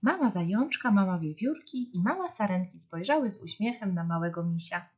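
Animated woman reading children's stories. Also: mid-range voice, brisk, breathy edge. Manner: animated, expressive. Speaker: storyteller. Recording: dull lo-fi storybook reading.

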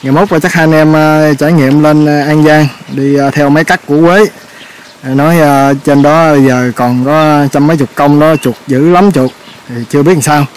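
A man's voice: on the high side, fairly even intonation, normal speed, clear, resonant tone. A man with a Southern Vietnamese accent hosting a casual outdoor cooking vlog, chatty and full of hesitation fillers. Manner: chatty, lots of hesitation fillers, laughs easily. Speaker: channel host.

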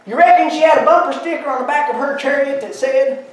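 A man preaching a sermon in a church, animated and emphatic, with folksy asides. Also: very high voice, fast talker. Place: church sanctuary. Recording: echoey church, mic far off.

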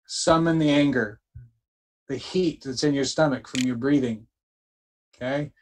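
A man's voice: medium pitch, measured pace, low-quality recording. A man leading a spiritual group, instructing listeners and chanting incantations with emphasis, checking in with frequent "okay?".

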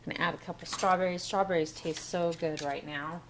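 Standing at a home counter, a woman vlogger gives a casual kitchen demo, explaining a recipe one step at a time in a friendly, chatty way. Her voice is on the low side and steady, her pace fairly quick, and background noise comes through the camera mic.

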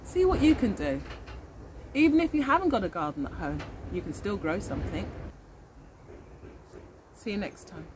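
Speaking at normal speed in a sing-song, mid-range voice with long pauses, a middle-aged woman reads to young children as their teacher. She addresses them directly and asks questions, outdoors in a leafy garden, against a noisy background.

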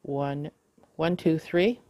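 A woman giving a casual how-to demonstration, talking haltingly with many fillers and self-corrections. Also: sits low, warm tone, no echo. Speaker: video tutorial host.

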